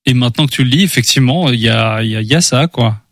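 A man interviewing a comic author in a relaxed way, with short prompts and agreements. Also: medium pitch, rapid-fire, no room sound, studio quality. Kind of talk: casual interview.

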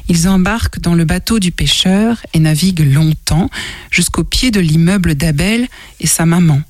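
A woman reading a children's story aloud, clear and expressive. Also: fairly low pitch, normal speed, no echo, studio quality. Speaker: storybook reader.

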